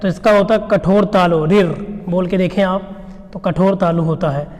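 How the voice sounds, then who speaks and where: A man's voice: sits high, fairly even intonation, moderate pace, a little mellow, in a large hall. A male teacher giving an exam revision lecture, who asks questions and then answers them himself. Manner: explains by asking and answering his own questions.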